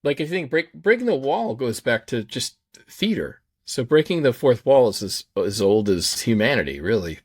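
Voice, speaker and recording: A man talks in a loose, unscripted podcast chat. His voice sits at an ordinary middle pitch. He holds forth in long, opinionated runs, stumbling and restarting, with the odd blunt curse. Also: big pitch swings, normal speed, slightly rough. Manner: blunt, swears casually.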